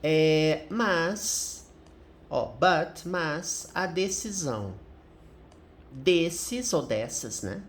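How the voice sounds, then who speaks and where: A woman's voice: deep voice, lively intonation, extremely slow, slight background noise. A middle-aged woman with a Brazilian Portuguese accent teaching English through a commented reading, explaining each point and often ending with a tag question.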